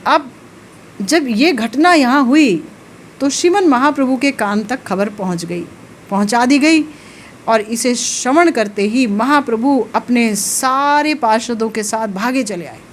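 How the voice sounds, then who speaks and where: Slow-speaking woman telling devotional stories. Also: on the high side, expressive, slight background noise. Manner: slow, emotive storytelling with rising emphasis. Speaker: spiritual teacher. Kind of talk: devotional storytelling discourse.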